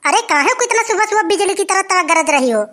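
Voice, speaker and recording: A performer voicing an angry old farmer in a who shouts complaints and threats. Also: very high voice, lively intonation, quick pace. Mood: angry complaining. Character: grumpy old village man, angry farmer.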